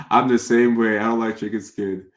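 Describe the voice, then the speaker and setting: Man with soft R's in an echoey room. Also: on the low side, little pitch movement, normal speed. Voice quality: trouble pronouncing R sounds. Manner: repeats phrases for emphasis. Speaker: content creator hosting a live question session. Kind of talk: casual off-the-cuff chat, answering viewer comments. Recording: roomy, echoing sound.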